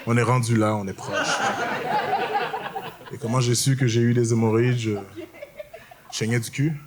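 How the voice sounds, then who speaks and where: A man's voice: medium pitch, level tone, moderate pace, very noisy. A young man performing a stand-up routine, telling stories in a casual, slangy way and explaining things to the crowd. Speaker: stand-up comedian. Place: comedy stage.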